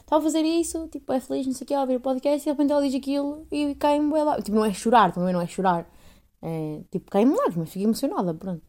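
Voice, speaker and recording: A woman's voice: sits high, racing, hardly any pauses, warm tone. A woman in her twenties with a European Portuguese accent, hosting a solo podcast in a rambling, self-deprecating casual monologue. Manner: rambling and self-deprecating, heavy use of fillers. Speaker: podcast host.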